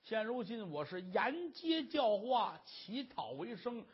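A storyteller voicing a starving, remorseful beggar who is the elder brother, wailing and blaming himself, on a dull lo-fi recording. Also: male voice, sits high, big pitch swings, slow pace, husky, voice pushed up, exaggerated voice. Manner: wailing, self-reproaching.

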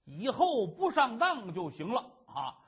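A man's voice: very high-pitched, huge pitch swings, husky, pitched above the performer's own voice, full character voice. A male storyteller voicing a doting scholar husband who coaxes and boasts to his weeping wife. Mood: coaxing. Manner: coaxing, blustering, quick-talking. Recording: dull lo-fi recording.

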